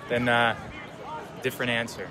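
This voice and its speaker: A man's voice: mid-range voice, little pitch movement, slow. A young man being interviewed on a campus lawn, reasoning aloud in a dry way. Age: young adult. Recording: loud outdoor crowd and noise.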